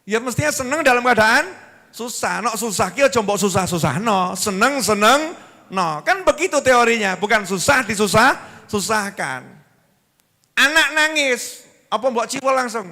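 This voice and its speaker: A male preacher with a Javanese accent giving a lively sermon, acting out the people in his stories with sudden changes of voice. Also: extremely high pitch, moderate pace, in a large hall. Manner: animated storytelling, acting out quoted characters with dramatic voice shifts.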